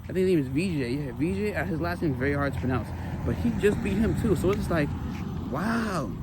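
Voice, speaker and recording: Higher-voiced American man, walking and talking. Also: brisk. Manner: animated, emphatic, repeats phrases for emphasis. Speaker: sports vlogger. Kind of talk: casual rambling sports chat. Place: outdoors while walking. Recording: clear street noise with passing vehicles.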